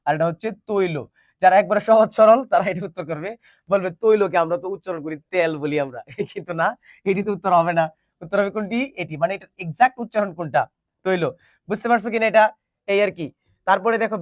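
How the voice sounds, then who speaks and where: A man teaching an exam-prep class at a rapid clip, his voice pitched high for a man. He drills pronunciation and drops in joking asides. The sound is close and dry, with no room echo. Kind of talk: online exam-prep lesson.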